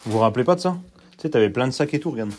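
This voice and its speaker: A man's voice: medium pitch, expressive, very fast, a little mellow. A man hosting an urban exploration video, talking casually to camera with an empty warehouse echo around his voice. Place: empty basement storage rooms and labs of an abandoned building. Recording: echoing empty basement rooms, background noise.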